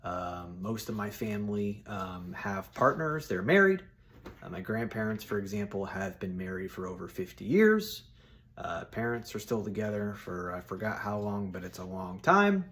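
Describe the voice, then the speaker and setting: A man in his thirties hosts a solo video sharing his personal opinions, talking to viewers casually and bluntly like a buddy. His voice is lowish and fairly bright, very animated, at a normal speed.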